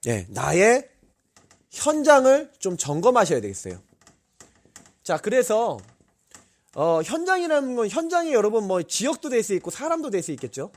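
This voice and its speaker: A man's voice: high-pitched, huge pitch swings, moderate pace, pauses often. A male pastor preaching to university students, telling personal stories and asking the audience many questions. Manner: tells personal stories with vivid sound words.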